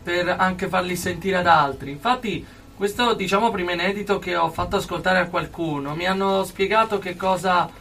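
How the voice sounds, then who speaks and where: A young adult man giving earnest, halting interview answers as a guest in a radio studio. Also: high voice, fairly even intonation, bright, forceful tone, distant mic, slight background noise. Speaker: interview guest, aspiring musician.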